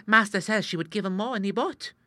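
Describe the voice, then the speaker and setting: A man's voice: sits high, a little fast, pushed and bright, dry recording, pitched above the performer's own voice. A man voicing a cheeky young page boy speaking confidentially in a storybook reading. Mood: sly.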